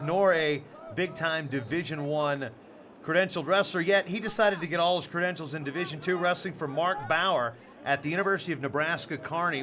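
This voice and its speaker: A man calling a wrestling match play-by-play in a brisk broadcast delivery. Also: fairly high pitch, bright, forceful tone, a little hiss or hum. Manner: brisk broadcast delivery, reads sponsor lists. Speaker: play-by-play commentator. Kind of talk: sports commentary.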